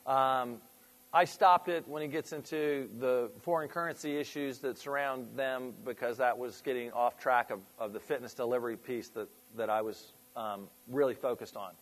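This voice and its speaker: A man's voice: mid-range voice, steady tone, normal speed. A man giving an informal business presentation to a room, asking the audience questions and often restarting his sentences. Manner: conversational, asks the audience questions, trails off and restarts. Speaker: presenter at a fitness club industry meeting.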